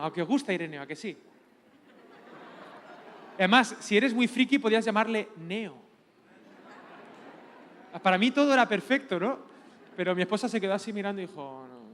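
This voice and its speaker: A middle-aged man with a Spanish accent from Spain, a pastor giving a lively, joking teaching sermon. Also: high-pitched. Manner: lively, joking, playful preacher. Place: large church hall. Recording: long hall reverb.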